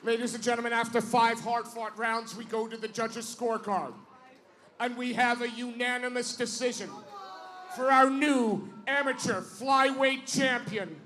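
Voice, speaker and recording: High, forceful male boxing ring announcer. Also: steady tone, unhurried. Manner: showy, projected, stretches out names. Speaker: ring announcer and post-fight interviewer at an MMA show. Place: live fight event, on the announcer's microphone. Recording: noisy live event venue sound.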